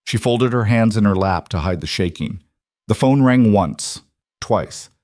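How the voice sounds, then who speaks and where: In an unhurried, low and steady voice, a man reads a dramatic story as narrator. It's a close, dry recording without any echo or sense of a room.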